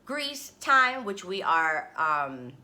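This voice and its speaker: A tired young woman vlogging, casually telling a dramatic travel story with laughs and swings in pitch. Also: very animated, extremely slow, sharp tone. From New York area. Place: hotel room.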